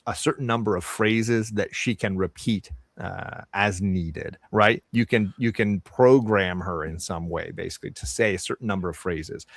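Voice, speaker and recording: A man running a tabletop role-playing game as game master, explaining casually and often halting to think aloud. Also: on the low side, dry recording.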